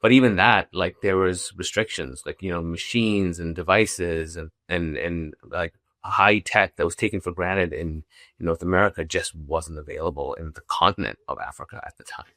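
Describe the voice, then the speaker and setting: A man's voice: sits low, fairly even intonation, moderate pace, pushed and bright, dry recording, clean studio sound. A middle-aged man from Zambia, a company founder talking casually as a podcast guest, with many restarts and fillers. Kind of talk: casual interview chat.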